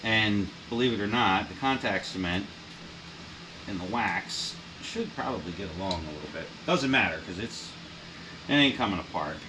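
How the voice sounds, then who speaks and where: In this casual workshop how-to, a hobbyist bookbinder vlogger talks about his work at home, rambling, cursing and knocking himself with asides. His voice is on the low side, animated, at normal speed. A heater blows wind noise across the mic while a printer runs.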